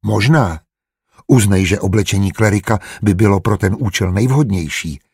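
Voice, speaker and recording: A man voicing a smooth-talking, amused male spy disguised as a cleric in an audiobook, with a low, husky voice. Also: darkish tone, dry recording, clean studio sound. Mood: smug.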